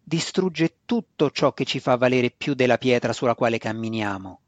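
A man reading an audiobook, voicing a young male dark elf who answers back with anger and defiance. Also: mid-range voice, lively intonation, normal speed, no echo, lo-fi sound, natural voice. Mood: defiant. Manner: defiant, angry, shaken.

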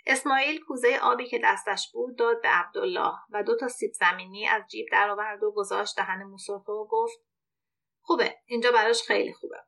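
A woman hosting a podcast, reading a short story aloud in a steady, measured way. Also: medium pitch, gravelly. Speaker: podcast host and reader.

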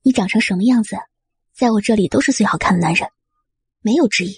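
A woman's voice: mid-range voice, fast talker, husky, no room sound. A woman voicing a sly, teasing young heroine. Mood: coaxing. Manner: light, teasing, coaxing. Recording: faint music behind.

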